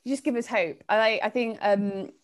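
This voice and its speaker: A woman's voice: a little high, fairly even intonation, normal speed. Enthusiastic woman hosting a podcast. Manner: enthusiastic and affirming. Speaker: podcast host. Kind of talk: casual podcast interview.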